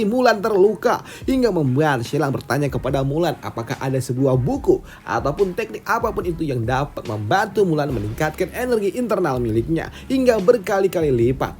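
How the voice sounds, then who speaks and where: A man's voice: a little high, darkish tone. A man with an Indonesian accent telling a comic's story in a chatty, slangy way and asking viewers for likes. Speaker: manhua recap narrator. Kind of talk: casual storytelling recap.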